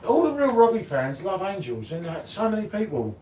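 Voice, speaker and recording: A man around fifty runs a casual live-stream chat, teasing and rambling along. His voice sits high for a man and swings widely in pitch. He is picked up from a distance in an echoey room with a faint hum behind. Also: wildly swooping pitch, fairly quick, a little mellow. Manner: teasing, rambling, chatty, says "mate" often. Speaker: co-host of live beer review stream. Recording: roomy, off-mic, faint background hum.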